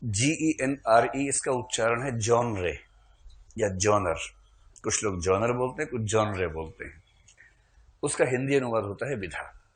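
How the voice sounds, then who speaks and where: A man's voice: medium pitch, lively intonation, normal speed. A man teaching a literature class, explaining terms patiently and lightening the lecture with humorous asides and chuckles.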